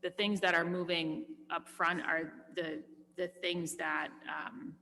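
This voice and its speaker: Woman, lowish voice, measured, formal committee speech, long reverb, faint hum. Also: little pitch movement, vocal fry, bright, forceful tone. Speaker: school committee member. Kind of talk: meeting discussion.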